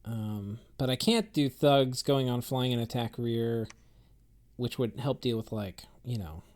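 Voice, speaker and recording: A man's voice: medium pitch, unhurried, darkish tone. A man giving casual, rambling commentary on a strategy game he is playing, thinking aloud with many fillers and restarts. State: has the hiccups.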